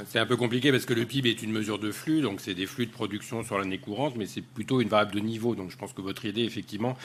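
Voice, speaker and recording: Fast-talking low-voiced man explaining economics. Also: fairly bright tone, a little hiss or hum. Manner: quick, explanatory, with restarts. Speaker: economist panelist. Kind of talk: lecture answer.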